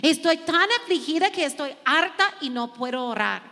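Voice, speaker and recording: A woman's voice: sits high, lively intonation, normal speed, bright, forceful tone, in a large hall. A woman pastor, not a Spanish speaker, sharing heartfelt testimony and reading scripture to other women. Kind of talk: sermon-style sharing.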